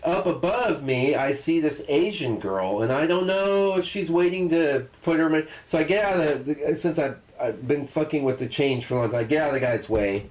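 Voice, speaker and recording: A man's voice: fairly high pitch, expressive, moderate pace, few pauses, a little mellow, low-quality recording. A man telling stories in a casual podcast chat. He swears freely, rambles, and restarts his sentences. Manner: loose, profane storytelling. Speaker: podcast co-host.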